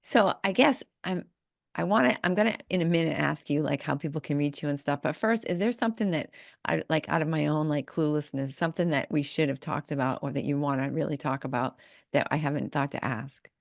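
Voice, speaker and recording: A woman hosts a podcast in a chatty, rambling way, often restarting her sentences. Her voice is on the lower side with a gravelly fry, and the sound is dry and close. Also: a little fast, no echo. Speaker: podcast host. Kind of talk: casual interview chat.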